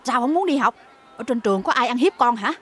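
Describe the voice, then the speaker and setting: A shrill nagging Southern mother. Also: animated, quick pace, a bit bright. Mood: doting. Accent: Southern Vietnamese. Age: middle-aged. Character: sharp-tongued middle-aged woman, scolding, doting mother. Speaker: domineering mother and market boss.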